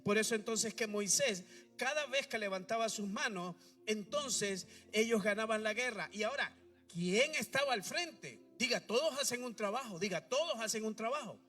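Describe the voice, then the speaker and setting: A pastor delivers a sermon in a very high, bright and forceful voice. He drives his points with rhetorical questions and asks the congregation to repeat after him. The mic sits far from him, with soft music underneath. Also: lively intonation, moderate pace. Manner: preaching with rhetorical questions and call-and-response prompts. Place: church. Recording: distant mic with faint music behind.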